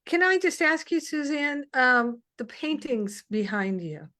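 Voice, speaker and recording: A woman's voice: sits high, sing-song, unhurried, pushed and bright, no room sound, clean studio sound. A woman hosting a casual chat. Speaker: host.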